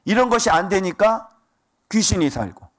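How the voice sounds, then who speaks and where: A man preaching a sermon as pastor, animated and asking the congregation rhetorical questions. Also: sits high, normal speed.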